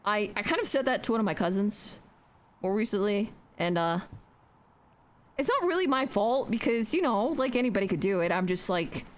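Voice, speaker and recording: Chatty young woman streamer, swearing freely. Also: medium pitch. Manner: chatty, joking, swears freely, talks to herself. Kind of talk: casual live-stream chatter while building in a game.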